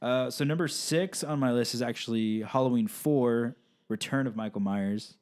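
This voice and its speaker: A man's voice: medium pitch, normal speed, a little mellow. A man co-hosting a podcast, talking casually about films with many fillers and restarts. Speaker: podcast co-host. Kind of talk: casual film discussion.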